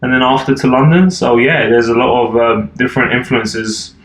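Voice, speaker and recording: Speaking at a moderate pace in a mid-range, fairly bright voice, this Albanian man in his twenties is a relaxed podcast guest who rambles casually, saying "like" and other fillers constantly. The room is echoey with faint noise.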